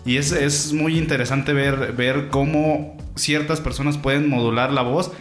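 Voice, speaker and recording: A man joins a podcast discussion, adding points thoughtfully with small fillers. His mid-pitched voice carries a noticeable room echo. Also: steady tone, unhurried, faint music behind.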